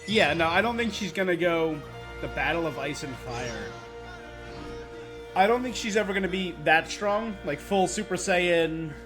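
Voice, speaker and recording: A man with a high voice streams a game at a moderate pace, chatting casually and thinking out loud in a rambling, opinionated way, with game music playing behind him.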